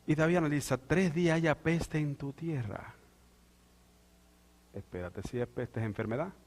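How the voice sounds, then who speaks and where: A male pastor preaching a sermon, moving from quiet asides to loud, drawn-out proclamation. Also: on the high side. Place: church sanctuary. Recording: church hall with long reverb.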